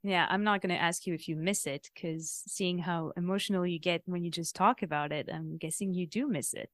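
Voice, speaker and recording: Encouraging woman podcast host, lowish voice. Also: a little fast, no echo. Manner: encouraging, affirming interviewer. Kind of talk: casual interview.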